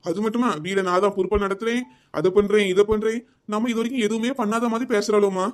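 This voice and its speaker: Fussy complaining husband, as a performer plays him, quick and scolding, comic village skit. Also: mid-range voice, fairly even intonation, lightly acted. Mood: grumbling. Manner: scolding, complaining, calls out names. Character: grumbling village husband, fussy about food.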